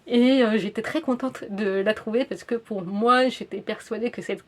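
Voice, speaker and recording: A woman's voice: on the high side, normal speed. A young woman chatting casually in a book review vlog, with frequent fillers and self-corrections. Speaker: book YouTuber.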